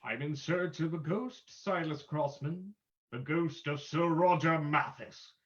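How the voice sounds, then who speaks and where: A man's voice: a little high, measured pace, lightly acted. A man playing a commanding, unseen crime-fighting sleuth in an old-time radio drama reading, formal and theatrical. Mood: stern, menacing. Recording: dull lo-fi audio.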